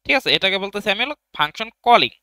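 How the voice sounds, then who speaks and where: Bright, fast-talking man teaching code. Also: high-pitched, animated, smooth, no room sound. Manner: thinks aloud while typing, asks and answers his own questions. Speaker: programming teacher. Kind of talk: casual screen-recorded coding tutorial.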